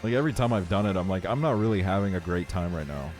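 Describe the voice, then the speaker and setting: An Estonian man with a deep, darkish voice livestreams a video game, talking fast and animatedly. His casual chat is slangy and full of swearing.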